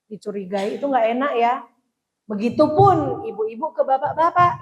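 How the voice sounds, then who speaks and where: A middle-aged woman, a psychologist giving a lively parenting talk at a church retreat, asking the audience questions and acting out parents and children. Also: high voice, normal speed, low-quality recording. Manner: asks the audience questions, acts out parents and kids. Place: church hall.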